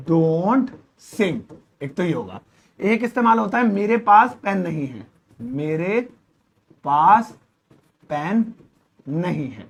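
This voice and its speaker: High gravelly guy teaching class, repeats examples slowly, chatty. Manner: explains with repeated slow examples and chatty asides. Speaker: English teacher. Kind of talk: classroom lesson.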